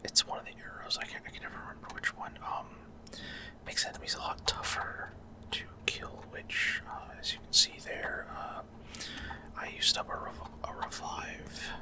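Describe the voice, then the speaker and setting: Hushed and unhurried, a man offers ASMR commentary on a game, his whisper soft and without voice. He hesitates often, leaving trailing gaps between phrases.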